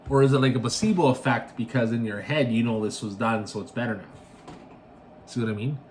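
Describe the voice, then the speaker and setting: A man hosting a casual podcast monologue, rambling and self-correcting, often ending thoughts with a quick tag question. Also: mid-range voice, a little hiss or hum. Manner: rambling, self-correcting, tags sentences with "right?". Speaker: podcast host.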